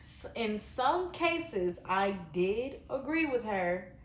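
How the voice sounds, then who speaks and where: Reviewing a reality show in a loose reaction style, this woman speaks slowly with big swings in pitch, her mid-range voice echoing in the room. She's blunt and rambling, leans heavily on fillers, and swears now and then.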